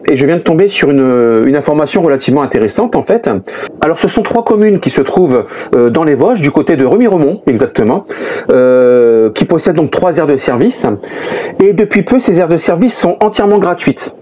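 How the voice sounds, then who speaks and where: A man's voice: on the high side, big pitch swings, brisk, dark tone. A French man, a middle-aged family vlogger, explains things step by step in casual talk full of "hein" and "euh". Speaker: vlogger, father of a motorhome-travelling family.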